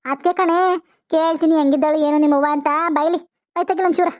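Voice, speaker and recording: A woman's voice: high-pitched, steady tone, fast talker, a little mellow, dry recording, lo-fi sound, natural voice. A woman voicing a sly young son-in-law who teases in a mock-innocent way in a cartoon. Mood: teasing. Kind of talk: cartoon voice acting.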